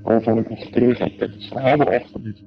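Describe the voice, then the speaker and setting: An anonymous man on a call, his voice disguised by pitch distortion, giving short and hesitant answers. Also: steady tone, fast talker, vocal fry, muffled recording. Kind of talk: phone conversation.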